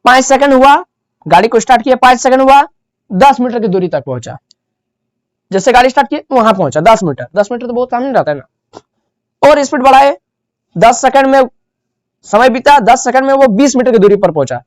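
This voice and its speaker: A woman with a slightly raised pitch gives a physics lesson, building each point step by step. She keeps asking the class rhetorical questions and answering them herself. The recording is close and dry. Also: expressive, a little fast, pauses often, darkish tone, no echo. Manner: explains step by step, repeats key terms, asks rhetorical questions. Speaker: physics teacher. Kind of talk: classroom lecture.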